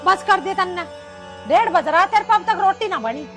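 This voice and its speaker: An actress playing a sharp-tongued, bossy village mother-in-law who scolds in rural speech. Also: very high-pitched, animated, moderate pace, faint music behind. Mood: scolding. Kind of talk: rural comedy drama acting.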